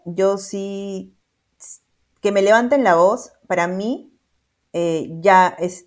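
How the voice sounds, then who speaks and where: Woman chatting casually, slightly low. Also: darkish tone. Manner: asks questions, shares personal examples. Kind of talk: casual chat.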